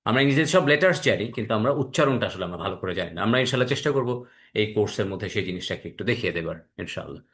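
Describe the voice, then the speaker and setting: A man from Bangladesh, teaching an online IELTS class. He mixes Bengali with English phrases, asks questions and answers them himself, and draws out his English words slowly and carefully. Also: fairly low pitch, lively intonation, fairly bright tone.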